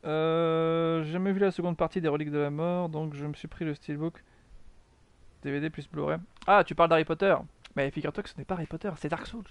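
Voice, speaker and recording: A man's voice: a little high, steady tone, brisk, smooth, no room sound. A man giving chatty live commentary while streaming a video game, mocking himself, swearing often and answering his chat.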